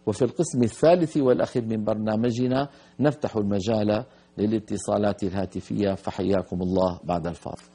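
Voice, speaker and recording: A man hosting a broadcast Quran recitation lesson, explaining pronunciation and slowly drawing out letters and words to demonstrate them. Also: lowish voice, mellow, husky. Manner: slow, drawn-out demonstration of letter sounds. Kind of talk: tajweed lesson on a broadcast program.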